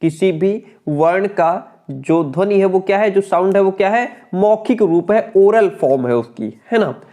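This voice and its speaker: A man's voice: high voice, lively intonation, unhurried, mellow. A male teacher giving an exam-prep grammar lesson. He keeps asking his students questions, answers them himself and repeats each key point.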